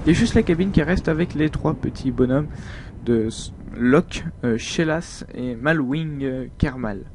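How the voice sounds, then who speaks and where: A man's voice: on the high side, a little slow, a little mellow, a little hiss or hum. A man giving casual, hesitant gameplay commentary, thinking aloud with many fillers. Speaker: video game uploader.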